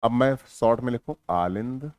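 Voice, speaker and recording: Lively male teacher, dry close sound. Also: medium pitch, moderate pace, dry recording. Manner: lively, teasing, switches between loud explaining and quiet mumbling while writing. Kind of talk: online lecture.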